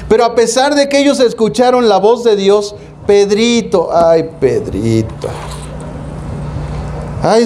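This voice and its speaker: A man's voice: high voice, darkish tone, a little hiss or hum. A man with a Mexican accent, preaching as pastor. He talks in a folksy, colloquial way, calls out to his listeners as brothers and asks them questions. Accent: Mexican Spanish. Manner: folksy, colloquial preaching that slips into street slang; rhetorical questions, calls the congregation "hermano". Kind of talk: sermon.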